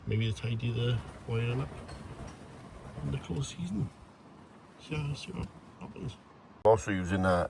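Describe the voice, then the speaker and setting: Somewhat low and creaky, a hobbyist's voice comes over a noisy background as he demonstrates a gadget of his own making. His hands-on explanation is casual and matter-of-fact, in short, simple phrases, set in a shed and garden that is partly outdoors.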